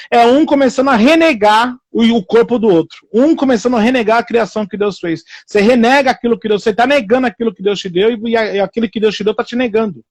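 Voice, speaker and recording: Male preacher, high-pitched, dry close mic, animated and repetitive. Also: no room sound. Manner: repetitive, animated, acts out quoted people in raised voices. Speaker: evangelical preacher hosting a live stream. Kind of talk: informal preaching on a live stream.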